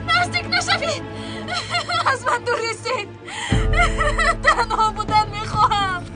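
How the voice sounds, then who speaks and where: A woman's voice: very high-pitched, steady tone, loud music behind the voice. A woman voicing a frightened young woman who has lost her memory, pleading and distressed. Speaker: dubbing actress.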